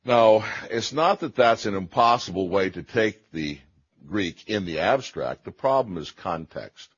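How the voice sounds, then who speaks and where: A man's voice: fairly low pitch, expressive, unhurried, breathy edge, lo-fi sound. A man giving a theology lecture, explaining carefully, correcting himself and stressing key phrases.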